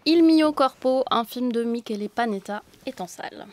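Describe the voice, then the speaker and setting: Young woman radio host, clear and articulate, dry studio mic. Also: a little high, normal speed, a little mellow, dry recording, soft background music. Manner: articulate, leading the talk and handing over to guests. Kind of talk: hosting a critics' panel. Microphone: studio microphone with headphones.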